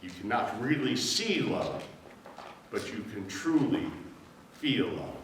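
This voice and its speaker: A man telling a story at a live event, expressive and drawn out. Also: on the low side, slow, music in the background. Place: event hall. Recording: echoey hall from far off.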